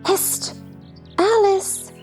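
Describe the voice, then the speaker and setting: An anxious little chess queen as a woman acts her out speaks extremely high and very slowly. She is cautious and hushing, with faint dreamy music behind, in a storybook play. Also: fairly even intonation, exaggerated voice.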